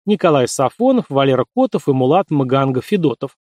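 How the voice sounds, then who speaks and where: A man narrating an audiobook in an even, clear reading. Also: medium pitch, fairly quick, dry recording.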